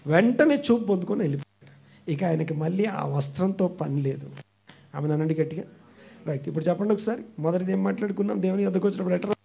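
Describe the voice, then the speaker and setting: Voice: medium pitch, quick pace, vocal fry, mellow, husky. A pastor preaching a sermon emphatically and calling on the congregation to repeat phrases back.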